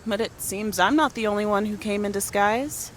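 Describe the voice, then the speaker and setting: A woman's voice: medium pitch, normal speed, a little hiss or hum, lightly acted. An actress playing a wry, busy small-town mother in her forties in a video game, with a curt, sarcastic way of talking.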